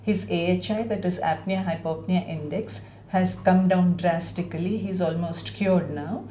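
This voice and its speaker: A woman's voice: fairly low pitch, steady tone, unhurried, mellow. A woman doctor explaining a patient's treatment to camera in a clinical, explanatory way. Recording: echoey room.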